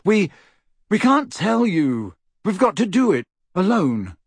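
A man's voice: high voice, big pitch swings, takes it slowly, breathy edge, no echo, voice pushed up, exaggerated voice. A man voicing a burdened teenage boy hero in an audiobook, urgent and evasive. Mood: desperate. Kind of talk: audiobook character voice.

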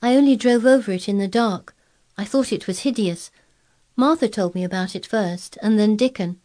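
A woman reads aloud at a moderate pace in a mellow, medium-pitched voice, raised slightly above her own yet close to everyday speech. She voices a blunt, contrary girl who talks earnestly and stubbornly, obstinate but eager as she describes things.

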